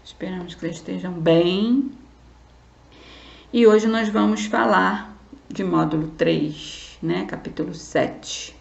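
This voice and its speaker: A woman's voice: lowish voice, slow pace, vocal fry. A woman teaching a primary school grammar lesson, patient and checking understanding as she goes. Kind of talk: remote class lesson. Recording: roomy, dull lo-fi recording.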